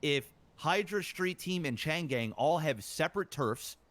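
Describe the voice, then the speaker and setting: A man stays in character as a roleplay gang member while retelling a long story, loaded with ums and uhs and acted-out quotes. He speaks a little slowly in a slightly high, somewhat bright voice with lively intonation.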